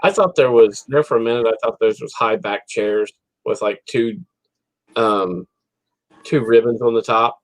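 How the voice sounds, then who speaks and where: A man chatting on a live stream in a loose, teasing way. His pitch sits in a middle range, and his manner is playful. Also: unhurried, no room sound. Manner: teasing, joking banter. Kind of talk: casual live stream chat.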